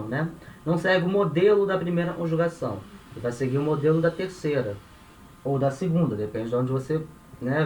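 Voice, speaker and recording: A man from Brazil teaching a Spanish grammar lesson, patient and repetitive, checking in with the listener after nearly every phrase. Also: a little high. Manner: patient, repeats points, tags phrases with "né?" and "tá?". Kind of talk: explanatory language lesson. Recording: echoey room with faint ambient noise.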